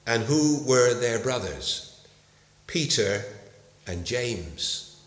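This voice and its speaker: A man preaching a sermon, slow and deliberate, stressing key words with pauses. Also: medium pitch, sing-song. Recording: roomy hall reverb.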